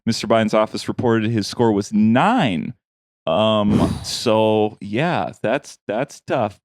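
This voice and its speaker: A man's voice: fairly low pitch, lively intonation, takes it slowly, a little mellow, no room sound, studio quality. A man co-hosting a podcast, chatting casually and reading news aloud in a loose, offhand way. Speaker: podcast co-host.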